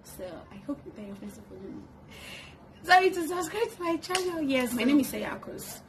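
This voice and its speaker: A YouTuber in her twenties talks playfully to a tripod-mounted camera in her bedroom for a get-to-know-me vlog, laughing often. Her voice is high-pitched and brisk with big pitch swings, and the low-quality recording has a bit of hiss or hum.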